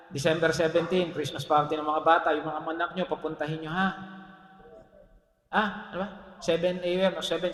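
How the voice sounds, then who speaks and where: Male pastor, high voice, animated joking sermon, rhetorical questions, echoey room. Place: church.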